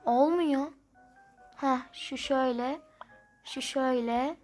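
A woman's voice: high-pitched, slow pace, a little mellow, soft background music. A young woman playing a mobile number game, commenting casually and grumbling in frustration as she counts numbers aloud.

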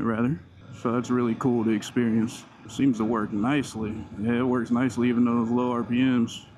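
Engine and wind noise fill this low-quality clip of a man with a mid-range, slightly mellow voice, speaking into a helmet mic close to his mouth while riding. As a motovlogger, he offers casual, excited first-impression commentary to viewers and to himself.

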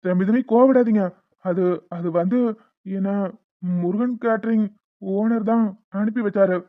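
A man's voice: high-pitched, fairly even intonation, normal speed, dry recording, phone-quality sound, natural voice. A man playing a stammering sly troublemaker. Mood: pleading. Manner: stammers and hesitates when caught. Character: sly, cowardly middle-aged male troublemaker.

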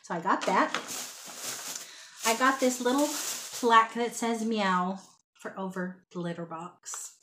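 A woman in her thirties with a drawl talks through her shopping haul in a small room at home. Her voice sits at an everyday middle pitch and comes through a desk webcam with a faint hiss underneath. She rambles in a friendly way and drops self-deprecating asides. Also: takes it slowly, pauses often. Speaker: haul vlogger. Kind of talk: casual haul chat to camera.

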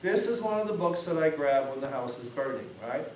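A man's voice: on the high side, expressive, a little fast, darkish tone, a little hiss or hum. A middle-aged man, a priest, teaching a class in a conversational, rambling way with frequent restarts. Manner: conversational, discursive, many restarts. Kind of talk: informal classroom lecture. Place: church hall classroom. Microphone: far camera. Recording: echoey room from far off.

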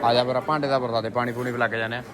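A man's voice: mid-range voice, flat delivery, racing, a crowd in the background, background noise. A man with a Punjabi accent talking casually and playfully in a village vlog, teasing the people around him. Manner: playful, teasing with friends and children. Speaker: vlogger.

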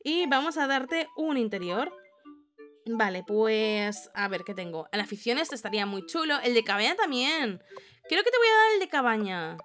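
A young woman giving animated, excited let's-play commentary, often exclaiming and laughing. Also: fairly high pitch, moderate pace, soft background music. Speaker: gaming YouTuber.

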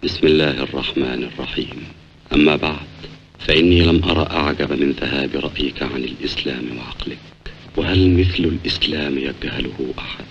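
A man acting a solemn, reverent figure in a classical Arabic film, speaking in a measured way on a muffled old soundtrack. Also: very deep voice, a little hiss or hum. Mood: solemn, reflective. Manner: slow, measured, reverent delivery. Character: solemn man reading a letter of religious exhortation.

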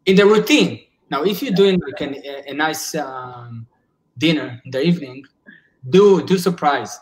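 In an unhurried, animated voice on the high side, a psychologist in his forties speaks earnestly during a casual video call from home. He keeps restarting his sentences as he gropes for words. His laptop webcam picks up a crowd in the background, and the recording is rough.

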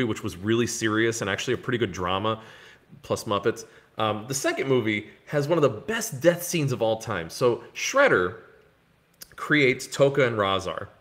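A man hosting a casual podcast, telling stories in an animated way and acting out the scenes he describes. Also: fairly low pitch. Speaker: podcast host. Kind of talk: casual movie-talk podcast chat.

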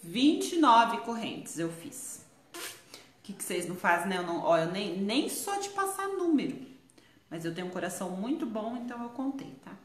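A woman with a Brazilian Portuguese accent, teaching crochet on a live stream in her shop, chatty and quick to laugh. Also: mid-range voice, very animated, reverberant. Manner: chatty, laughs often, exclaims "ai, gente".

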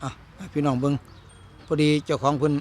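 A man's voice: fairly high pitch, flat delivery, fast talker. A man with an Isan, northeastern Thai accent presenting like a live seller, repeating prices and calling to viewers in an outdoor market. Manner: repetitive sales patter addressing viewers. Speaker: cattle market video host. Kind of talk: live sales commentary, quoting prices to viewers. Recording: outdoor market ambience, background noise.

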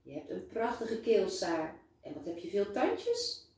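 A woman's voice: medium pitch, huge pitch swings, unhurried, darkish tone. A woman voicing a friendly male doctor who jokes playfully with a small child in a storybook reading. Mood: kind, teasing. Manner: playful, teasing. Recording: very echoey room, voice far from mic.

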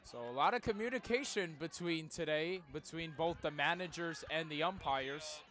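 A man doing live play-by-play baseball commentary outdoors like a radio announcer, with drawn-out, emphatic calls. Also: a little high. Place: outdoors at a school baseball field.

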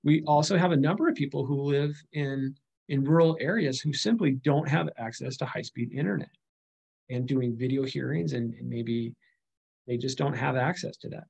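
A man's voice: mid-range voice, moderate pace, creaky, darkish tone, slightly rough, lo-fi sound. A middle-aged man giving a recorded slide lecture on legal studies, speaking conversationally with frequent fillers and restarts.

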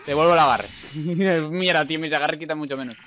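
A man with a Spain Spanish accent giving excitable, teasing commentary over his own online fighting-game matches. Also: a little high, a little fast, slight background noise. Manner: excitable, teasing, frequent "tío". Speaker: gaming YouTuber. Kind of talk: live gameplay commentary.

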